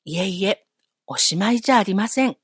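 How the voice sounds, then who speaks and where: Soft husky woman reading a children's story. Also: mid-range voice, animated, fairly quick, no echo. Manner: gentle, speaks to young listeners with questions and friendly asides. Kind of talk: Bible story read aloud for children.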